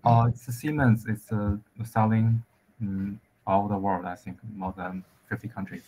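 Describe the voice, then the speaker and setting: A man from China, an engineer talking over a video call, with many pauses, fillers and restarts. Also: lowish voice, steady tone, mellow, rough recording. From central China. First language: Chinese. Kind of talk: casual conversation practice.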